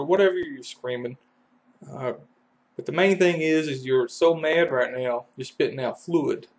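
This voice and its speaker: Kentucky man, HVAC tech, folksy explainer with fillers, mid-pitched voice. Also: a little mellow. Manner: folksy, loose analogies with many fillers. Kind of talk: casual how-to explanation.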